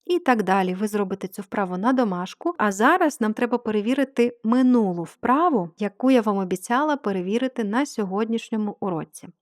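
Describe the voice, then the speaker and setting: A woman teaching French online, explaining patiently and drawing out her model words slowly. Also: mid-range voice, lively intonation, dry recording, studio quality. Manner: slow, drawn-out model words. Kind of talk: online grammar lesson.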